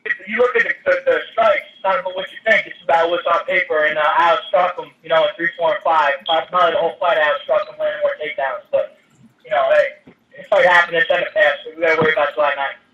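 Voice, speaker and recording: Casting: man, higher-pitched bright voice, halting answers on a press call, phone-line sound. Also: fairly even intonation. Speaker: participant answering questions on a press conference call. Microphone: telephone conference call. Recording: muffled radio-like phone conference line.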